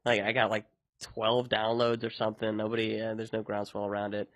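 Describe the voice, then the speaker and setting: A man's voice: on the low side, completely flat delivery, a little fast, no echo. A man hosting a podcast, talking in a casual, rambling way about his own work. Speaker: podcast host and indie game developer.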